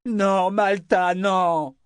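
A man voicing a drunk, exhausted grown man who pleads in a slurred, drawn-out way. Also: sits high, steady tone, clean tone, no room sound, studio quality, voice pushed up. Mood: desperate.

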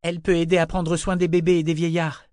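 A worried woman, as a male audiobook narrator puts her on, speaks in a lifted, forced-bright voice. Her cheer sounds thin and put on over her worry. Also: a little high, completely flat delivery, fast talker, clean tone, no room sound, studio quality, voice pushed up, natural voice. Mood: falsely cheerful. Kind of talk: audiobook character voice.

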